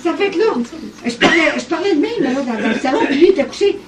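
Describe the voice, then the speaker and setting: A woman's voice: sits high, quick pace. An older woman with a Québécois accent, telling a story at a home gathering and acting out what each person said, often laughing. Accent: Québécois French. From Quebec. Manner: animated, acts out dialogue, laughs often. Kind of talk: casual storytelling. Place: living room at a private evening gathering. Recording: echoey home cassette recording from far off.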